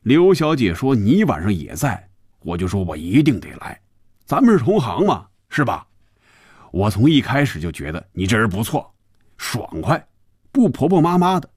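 A man voicing a jovial middle-aged male company executive in a radio audiobook, chummy and hearty with drawn-out exclamations. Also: lowish voice, big pitch swings, dry recording, clean studio sound.

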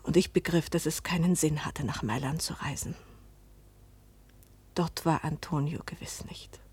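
In a radio drama, an actress plays a weary but hopeful Italian mother in middle age who narrates her life's disappointments in the first person and in dialogue. Her low, husky, somewhat mellow voice comes in a whisper, fairly even and a little slow. The performance is heavily acted, restrained, wistful, subdued and intimate.

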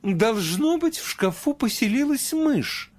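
A man's voice: very high-pitched, very animated, slow, pitched above the performer's own voice, heavily acted. A man voicing an alarmed grown mother in a storybook reading.

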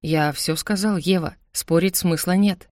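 Woman reading a cold older stepbrother for an audiobook; clipped, calm, lowish voice, dry studio. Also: a little slow, dry recording, close to an everyday voice. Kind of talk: audiobook character voice.

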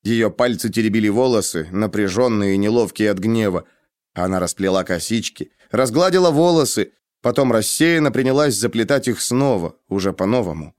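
A man narrating an audiobook in the first person, measured and reflective, recorded close in a studio booth. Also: lowish voice, lively intonation, a little mellow, no room sound.

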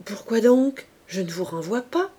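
A poised, practical shop owner speaks calmly and reasons things out with quiet assurance, as a woman reads her lines. The voice is mellow and warm, with no harshness. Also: medium pitch, a little slow, husky. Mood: surprised. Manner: cool, composed, reasoning. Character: calm, practical businesswoman running a shop.

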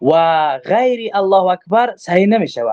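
A man's voice: sits high, expressive, darkish tone. A man with a Tajik accent teaching from a religious text, quoting Arabic phrases and explaining them, often asking himself questions before answering. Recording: dull lo-fi recording.

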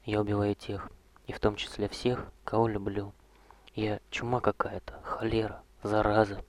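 A man's voice: fairly low pitch, level tone, normal speed, lightly acted. A man playing an anguished necromancer king. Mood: bitter. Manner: anguished, pleading, raw and loud at times. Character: despairing male necromancer king, self-loathing.

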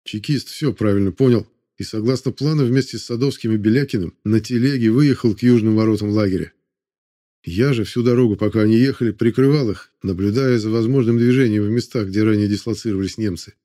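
A man narrating a war novel audiobook in a steady, measured reading. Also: on the low side.

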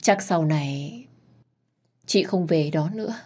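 A woman reading as a gentle young woman, quiet and resigned. Her voice is soft and fairly low. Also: takes it slowly. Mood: subdued.

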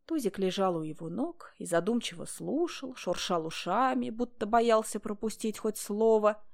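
Woman, storybook narration, calm steady reading, middle pitch. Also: moderate pace, vocal fry. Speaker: reader.

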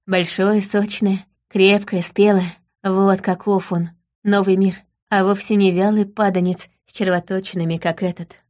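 A woman voicing a tearful young female fairy in an audiobook, speaking softly and pleading. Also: mid-range voice, little pitch movement, a little slow, natural voice. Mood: dreamy. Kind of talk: audiobook reading.

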